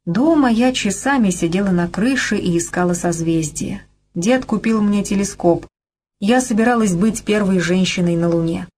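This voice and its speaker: A woman's voice: mid-range voice, normal speed, darkish tone, close to an everyday voice. A woman reading an audiobook and voicing a frank, dreamy young woman. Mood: wistful.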